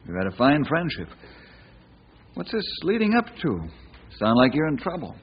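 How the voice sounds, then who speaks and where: An American actor playing a kindly, principled forest ranger in old-time radio drama style, with an earnest, folksy, friendly manner. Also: male voice, on the high side, very animated, normal speed, husky. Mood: concerned, direct. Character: kindly, principled male forest ranger, plain-spoken and steady. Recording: muffled, noisy old radio recording.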